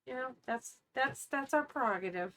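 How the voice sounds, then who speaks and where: A woman's voice: high voice, lively intonation, normal speed, a bit bright. Chatty woman in her thirties. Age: 30s. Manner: rambling, filler-heavy, trails off. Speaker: podcast co-host. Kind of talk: casual chat.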